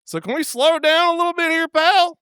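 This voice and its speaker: A man's voice: a little fast, bright, forceful tone, no room sound, studio quality. A man voicing a nervous, indignant young woman who stammers. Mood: alarmed. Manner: squeaky, stammering, exasperated.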